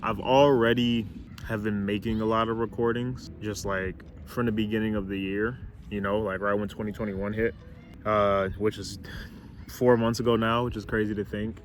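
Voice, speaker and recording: A man in his twenties, soon to turn twenty-one, thinks aloud in a casual vlog, rambling and hesitant. Recorded outdoors on a camera mic near a car with a city view, his voice is fairly low and flat at a moderate pace, with slight background noise.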